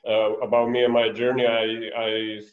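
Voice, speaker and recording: Speaking at normal speed in a mid-range, monotone voice, a man in his thirties with a Serbian accent presents conversationally online as a guest basketball coach. The video call audio is muffled and echoey, and he sits in a bright indoor room beside a window.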